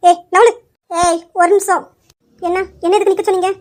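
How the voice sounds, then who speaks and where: Brief: woman doing firm young lady of the house, high, brisk, no-nonsense. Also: flat delivery, darkish tone. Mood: stern. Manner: stern, commanding. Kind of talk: amateur Tamil story drama.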